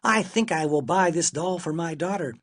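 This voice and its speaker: Guy doing a fussy dramatic store lady for a kids story, pitched up, bright voice. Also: normal speed. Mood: admiring. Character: excitable lady shopper, fussy, melodramatic. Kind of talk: children's storytelling.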